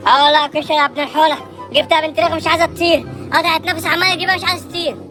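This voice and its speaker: Someone doing a squeaky Egyptian boy. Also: fairly even intonation, racing, pushed and bright, soft background music. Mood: boastful. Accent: Egyptian Arabic. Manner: squeaky, boastful then panicky, cursing in a high whine. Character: cheeky scared little Egyptian boy. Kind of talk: comedy skit voice acting.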